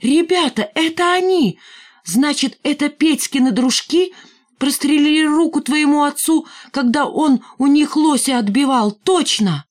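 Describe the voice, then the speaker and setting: A woman voicing an excited red-haired schoolboy who blurts out an accusation in a shrill, urgent voice. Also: unhurried.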